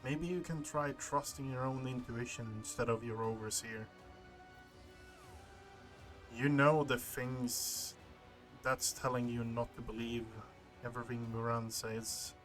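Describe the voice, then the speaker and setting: A man's voice: medium pitch, fairly even intonation, normal speed, a bit bright, soft background music. A man streaming a game live, chatting casually and reading game dialogue aloud. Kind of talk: live gameplay commentary.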